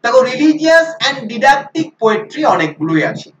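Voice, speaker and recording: A woman's voice: sits high, big pitch swings, slow pace, dull audio. A woman teacher giving a lecture, asking questions and answering them herself, repeating the key points. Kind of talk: lecture explaining literary history. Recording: roomy echo, mic at a distance.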